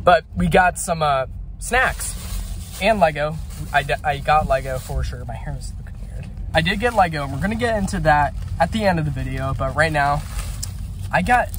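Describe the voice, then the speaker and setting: A man chatting casually into a handheld phone camera while vlogging in a car and outside, offhand with lots of fillers. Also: a little high. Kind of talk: casual vlog chat. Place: car and outdoors. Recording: phone recording with car and street noise.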